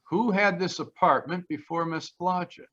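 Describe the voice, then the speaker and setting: Over a live video call with slightly dull audio, a male actor voices a wry, self-assured private eye from old-time radio, clipped and confident as he works through his deductions. His high voice sounds pushed and bright, delivered at normal speed.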